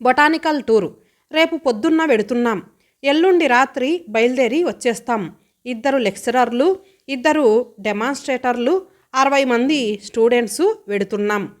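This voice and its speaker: A woman's voice: high-pitched, natural voice. Woman voicing a headstrong college girl. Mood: defiant. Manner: bold, mocking, quick retorts.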